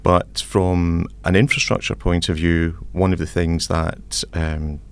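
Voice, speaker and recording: Casting: Scottish man, 40s, deep voice with a gravelly edge, thoughtful interview guest. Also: level tone, takes it slowly. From Scotland. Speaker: civil engineer guest. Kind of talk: podcast interview.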